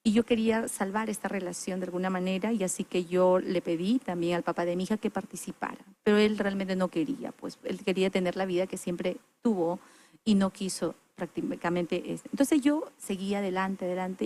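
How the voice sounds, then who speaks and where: A woman's voice: lowish voice, fairly even intonation, a little fast, dark tone. Woman, podcast guest, earnest reflective testimony. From Peru. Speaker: interview guest. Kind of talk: personal testimony in a chat.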